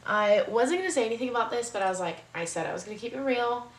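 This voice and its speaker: A woman's voice: on the high side, lively intonation, fast. A young adult woman talking casually and candidly, like a vlogger chatting informally to her viewers. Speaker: vlogger, bride-to-be. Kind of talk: casual confessional vlog chat.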